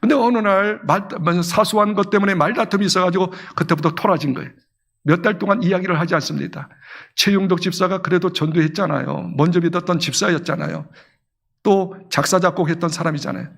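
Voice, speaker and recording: A man preaching a sermon as senior pastor, emphatic and animated, swinging between loud bursts and soft asides, and prompting the congregation to repeat after him. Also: sits high, fast talker, creaky.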